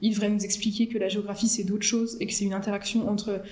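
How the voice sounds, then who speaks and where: Fast-talking young French woman. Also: mid-range voice, level tone, darkish tone, echoey room. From France. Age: 20s. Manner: chatty, lots of fillers, laughs easily. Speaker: interview guest, student. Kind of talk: casual chat over a video call. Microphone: video call.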